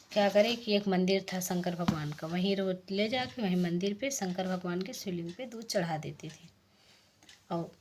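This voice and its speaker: A woman casually narrating a village folk tale, softly voicing the lines of each character. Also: mid-range voice, a little hiss or hum. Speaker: storyteller.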